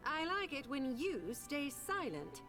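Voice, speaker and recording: A woman's voice: high-pitched, very animated, slow, over music, full character voice. An actress voicing a cold, cutting woman warrior in a video game, curt and disdainful.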